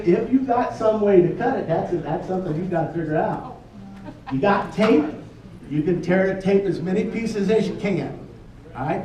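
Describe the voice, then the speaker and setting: Guy presenting to a group, folksy and jokey, pretty high voice, super echoey and far from the mic. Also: a little mellow. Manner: folksy, joking, repeats questions and instructions to the group. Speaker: workshop presenter. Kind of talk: explaining a team challenge to a room, casual. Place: large echoey indoor room with a group. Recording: echoey room, picked up from a distance.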